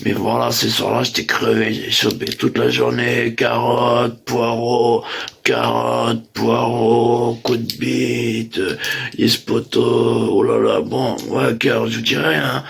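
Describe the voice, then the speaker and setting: A man's voice: mid-range voice, flat delivery, slow pace, a bit bright. A man doing a rambling, boastful comic monologue, full of fillers. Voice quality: gravelly, husky. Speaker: comic playing a crude braggart.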